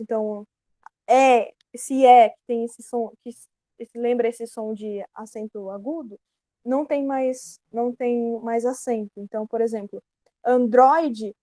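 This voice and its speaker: Woman, Brazilian Portuguese accent, teacher, casual explaining, mellow tone, dry close recording. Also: on the high side, dry recording. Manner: explanatory, casual, self-correcting. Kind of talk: online grammar lesson.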